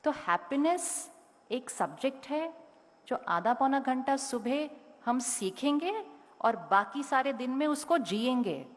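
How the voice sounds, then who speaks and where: A woman's voice: high voice, sing-song, slow. Woman speaker in an echoing hall. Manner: directly questions and instructs the audience. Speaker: motivational speaker. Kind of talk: talk to a school audience. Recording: long hall reverb.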